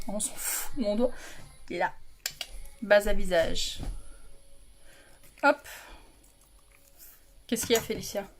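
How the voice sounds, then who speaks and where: A woman doing a casual makeup livestream from home, chatty and self-mocking, giggling often and greeting viewers by name. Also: medium pitch. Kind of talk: casual live makeup chat.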